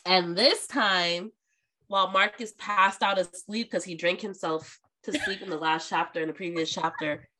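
Bright, animated woman chatting casually. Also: fairly low pitch, moderate pace. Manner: animated, laughing, swearing freely. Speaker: book podcast co-host. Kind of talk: casual book discussion.

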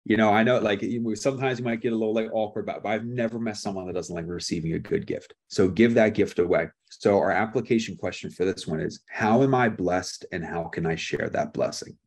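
Deep, husky-voiced man preaching. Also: brisk, few pauses. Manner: casual and conversational, with frequent "like" and restarts. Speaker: pastor. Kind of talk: sermon with personal storytelling.

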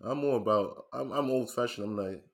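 Animated British man chatting about films. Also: brisk. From United Kingdom. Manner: animated, laughs often, drops to a low murmur. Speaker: podcast co-host. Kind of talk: casual film review chat.

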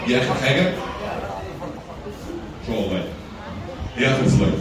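A man's voice: mid-range voice, lively intonation, a little fast, a crowd in the background. Egyptian guy doing a church talk on anger, asks questions and repeats himself, mic far away and lots of echo. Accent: Egyptian Arabic. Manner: teaching with rhetorical questions and repeated phrases. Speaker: church lecturer. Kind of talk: talk on anger management with slides. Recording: very echoey room, mic far off.

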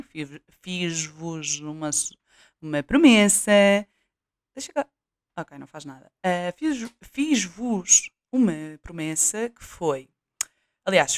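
A woman's voice: on the low side, no room sound, clean studio sound. A young woman with a European Portuguese accent, chatting casually in a home vlog and testing a new cheap microphone. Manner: chatty, scattered, frequent fillers and restarts. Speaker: vlogger. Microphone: new cheap USB mic, placement shifting.

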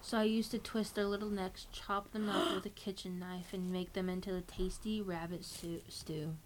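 A woman's voice: flat delivery, moderate pace, slight background noise, close to an everyday voice. Woman doing a growling creepy grandpa. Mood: menacing. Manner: low growling menace. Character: creepy unhinged old grandfather who growls. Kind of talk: reading a horror story aloud.

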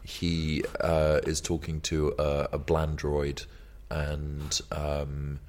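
A man's voice: very deep voice, completely flat delivery, extremely slow, darkish tone. A man co-hosting a podcast, chatting casually about a film, rambling and laughing often. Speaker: podcast co-host.

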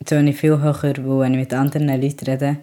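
A young man hosting a podcast, talking calmly and quietly in casual chat. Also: mid-range voice, brisk. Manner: calm, quiet talker, rises when emotional. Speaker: podcast host.

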